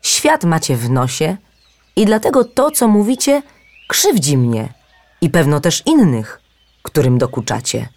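A woman's voice: low-pitched, very animated, measured pace, darkish tone, pitched above the performer's own voice, exaggerated voice. A woman voicing a proud, touchy male bird of paradise in a storybook reading, talking indignantly and earnestly.

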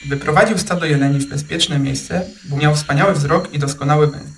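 A man reading a children's animal story aloud with gentle, expressive storytelling. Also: fairly high pitch, a little fast, gravelly, far from the mic, soft background music. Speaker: narrator. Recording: echoey room, off-mic, faint ambience.

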